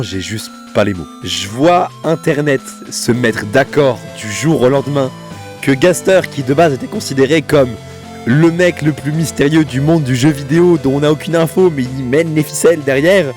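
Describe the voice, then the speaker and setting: A man's voice: moderate pace, a little mellow, soft background music. A man doing casual, slangy video game commentary, exasperated and congested, his throat swollen from tonsillitis and his voice giving out. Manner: exasperated, slangy, swinging into high outbursts. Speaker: video host.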